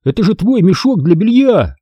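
A man's voice: high voice, very animated, normal speed, dark tone, slightly rough, no room sound, pitched above the performer's own voice, full character voice. Man doing an exasperated 12-year-old boy. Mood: angry. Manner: impatient, scolding outbursts.

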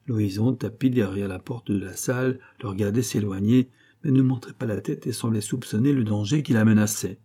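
A man reading a classic adventure novel aloud in measured, even scripted narration. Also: fairly low pitch, breathy edge. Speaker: audiobook reader.

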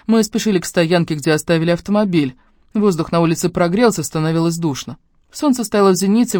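A woman narrating a romance novel in the first person, with an expressive, emotional reading. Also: low-pitched, no room sound, clean studio sound. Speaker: audiobook reader.

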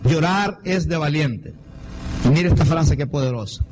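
A middle-aged man preaching a sermon as a pastor, fervent and rising to high emphatic peaks. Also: measured pace, rough recording.

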